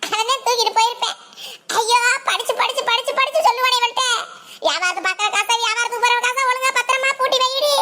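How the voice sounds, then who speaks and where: A woman's voice: very high-pitched, quick pace, pushed and bright, slight background noise. A woman voicing an old village grandmother in a cartoon, with a southern Tamil village accent, wailing and scolding in a laughing, lamenting way. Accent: southern Tamil Nadu village Tamil. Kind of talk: cartoon voice acting.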